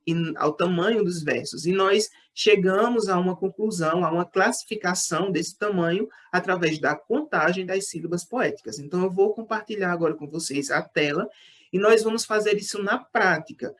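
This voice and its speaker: A woman teacher with a Brazilian Portuguese accent gives an online class lesson, patiently explaining and counting syllables aloud. Her voice is on the low side, at normal speed.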